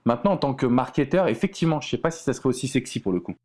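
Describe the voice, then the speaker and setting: A man's voice: medium pitch, animated, rapid-fire, darkish tone. Chatty French-born man, guest coach. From France. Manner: chatty, many fillers and restarts. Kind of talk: casual podcast interview talk.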